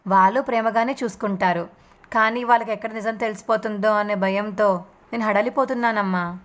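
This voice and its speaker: Woman doing a guilty young mom, sad and pleading, quiet. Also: mid-range voice, fairly even intonation, brisk, lightly acted. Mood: grieving. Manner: pleading, sorrowful. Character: anxious young mother, tearful and guilty.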